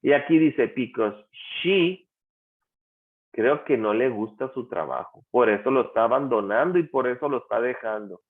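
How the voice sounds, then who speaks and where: A man's voice: mid-range voice, lively intonation, a little fast, few pauses. A male teacher taking an online class through grammar examples, patiently asking questions and repeating the answers. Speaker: English teacher. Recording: tinny phone-like call audio.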